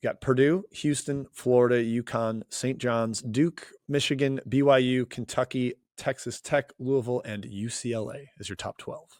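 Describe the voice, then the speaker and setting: A man co-hosting a sports podcast, giving relaxed, measured analysis with hedging fillers. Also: mid-range voice, dry recording, clean studio sound. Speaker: co-host. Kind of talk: casual sports podcast chat.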